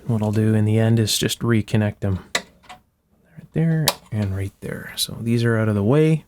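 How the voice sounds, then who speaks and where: The host of an electronics restoration channel demonstrates a hands-on restoration in an indoor workshop, thinking aloud casually and methodically, step by step. His voice is lowish and darkish with fairly even intonation and a slightly slow pace. There's a little hiss or hum.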